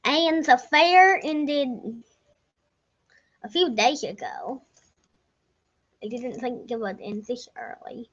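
A young woman narrates her computer gameplay in a high voice, speaking slowly with frequent pauses. Her commentary is casual and rambling, full of self-corrections and the occasional whisper, captured on a desk microphone with a dull, lo-fi home sound.

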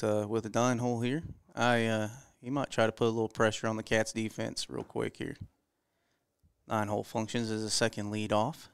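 Gravelly man, joking baseball commentator. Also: lowish voice, no echo, clean studio sound. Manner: joking, chatty, self-deprecating. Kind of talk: casual local sports commentary.

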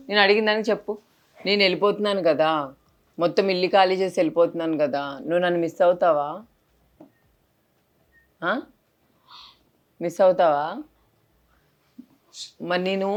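Gentle coaxing woman vlogger. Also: fairly low pitch. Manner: coaxing, tender, talks to a small child. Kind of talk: casual vlog chat.

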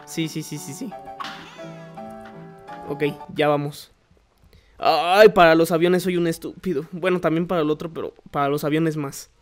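A man talks over his own gameplay, chatting along and breaking into yelps and curses when he takes a hit. His voice sits high for a man, and faint game music plays underneath. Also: fairly even intonation, normal speed, pauses often. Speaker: gamer. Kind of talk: gameplay commentary.

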